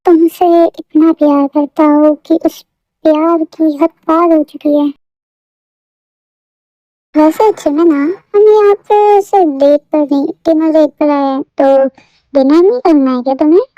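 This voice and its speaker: A woman's voice: sits high, unhurried, warm tone, no room sound. A woman voicing a teasing mafia boss husband. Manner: playful, flirty, boastful. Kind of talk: fan audio story. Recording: dull lo-fi dry recording.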